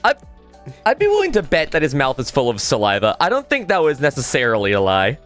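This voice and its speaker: Animated man telling a story. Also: medium pitch, quick pace, faint music behind. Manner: animated storyteller, acts out quotes. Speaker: podcast co-host. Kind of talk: casual comedic chat.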